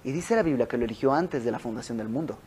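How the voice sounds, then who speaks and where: A man's voice: mid-range voice, quick pace, husky. A young man with a Mexican accent leading an informal Bible study in a house, teaching in a conversational way and acting out the stories. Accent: Mexican Spanish. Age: young adult. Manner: conversational, animated storytelling with quoted dialogue. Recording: home recording with audio flaws.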